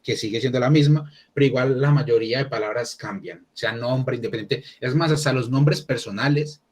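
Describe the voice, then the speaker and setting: A man's voice: medium pitch, brisk, slightly rough. A man teaching an English class online, talking casually and thinking aloud with many restarts.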